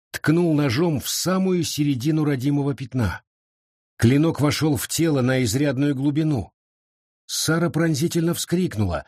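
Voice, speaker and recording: A man narrating a historical novel as an audiobook in a dramatic, expressive reading. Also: medium pitch, no echo, clean studio sound. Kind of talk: scripted narration.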